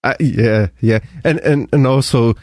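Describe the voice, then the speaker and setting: A man's voice: mid-range voice, unhurried, darkish tone, no echo, clean studio sound. A man hosting a podcast interview, chatting casually with hesitant, stammering restarts. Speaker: podcast host.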